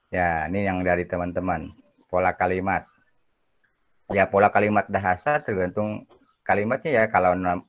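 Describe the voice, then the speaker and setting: Guy teaching a class, joking around a lot, keeps asking ya nggak, muffled lo-fi sound. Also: low voice. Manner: chatty, jokey, peppers talk with tag questions. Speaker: university lecturer. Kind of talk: casual classroom lecture.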